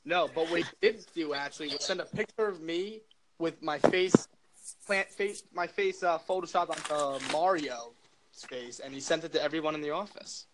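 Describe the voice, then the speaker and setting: A man's voice: fairly high pitch, normal speed, background noise. A young man hosting a casual sports podcast, asking questions and rambling with lots of fillers. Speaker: podcast host.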